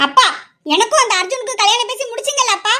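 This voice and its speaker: A woman's voice: extremely high pitch, fast talker, sharp tone, exaggerated voice. A woman voicing an angry, hot-tempered young daughter complaining indignantly, in an audio drama. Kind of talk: amateur audio drama acting.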